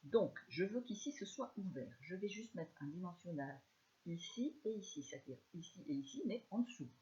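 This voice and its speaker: Soft-spoken woman demonstrating crafts. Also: lowish voice, expressive, moderate pace, muffled recording. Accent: northern French. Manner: speaks softly, chatty, many fillers like "alors" and "hein". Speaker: scrapbooking demonstrator. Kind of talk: live crafting tutorial.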